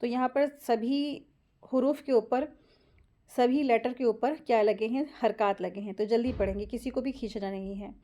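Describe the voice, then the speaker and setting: A woman teaching Quran recitation rules step by step, drawing out each recited word slowly and pausing to check in with her listeners. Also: fairly high pitch, fairly even intonation, warm tone. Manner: often checks in with short asides. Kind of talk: tajweed lesson, explaining pronunciation rules.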